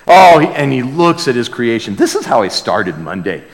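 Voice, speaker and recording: A pastor with a mid-range voice preaches a conversational sermon at a moderate pace, his pitch swinging widely. He is earnest and exclamatory, often repeating phrases for emphasis as he teaches the Bible with call and response. The long reverb of a large hall surrounds his voice.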